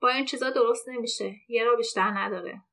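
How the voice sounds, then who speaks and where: A blunt young villager speaks curtly, read by a woman in an audio story. Her voice stays rather high. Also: steady tone, gravelly, fairly bright tone.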